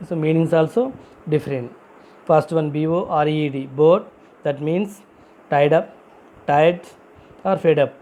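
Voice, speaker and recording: A man explains vocabulary at a very unhurried pace, spelling each word out letter by letter. His voice is mellow and dark but sits fairly high, and he repeats every example sentence. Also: rough recording. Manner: slow, repetitive, spells words out letter by letter. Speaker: English teacher. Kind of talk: vocabulary lesson.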